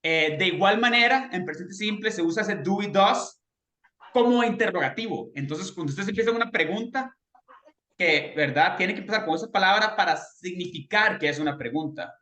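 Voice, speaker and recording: Male teacher with a high, bright voice, patient and explanatory, recorded in an echoey room. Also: lively intonation, moderate pace. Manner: patient, checks in often with students. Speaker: English teacher. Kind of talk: explaining grammar to a beginner class.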